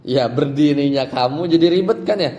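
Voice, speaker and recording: Male teacher, fairly high voice, relaxed lesson talk, explains point by point, long hall reverb. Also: moderate pace, dull audio. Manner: explains step by step, asks students rhetorical questions. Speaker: Islamic teacher. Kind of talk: casual Arabic grammar lesson.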